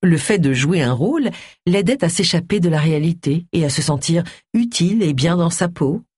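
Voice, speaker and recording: An audiobook narrator giving an expressive reading of a novel on a close studio mic. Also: medium pitch, normal speed, slightly rough, no echo.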